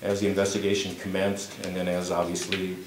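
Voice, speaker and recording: A man answering press questions as a police spokesman, hesitant and measured. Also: sits low, monotone. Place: press conference room. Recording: echoey room with clear background noise.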